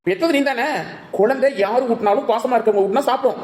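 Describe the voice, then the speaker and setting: A woman's voice: on the high side, a little mellow, lightly acted. A woman voicing a stern but caring village husband and father with a Tirunelveli Tamil accent, lecturing in a cartoon. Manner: lecturing, rapid-fire. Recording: echoey with music.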